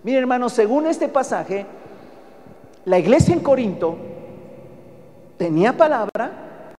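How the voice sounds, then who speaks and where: A Mexican-accented preacher giving a sermon, pressing each point home with emphasis and posing rhetorical questions to the congregation. The voice sits at a middling pitch, and a long hall reverb trails after every phrase. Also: big pitch swings, unhurried, a little mellow. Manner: emphatic, keeps calling listeners "brother", asks rhetorical questions.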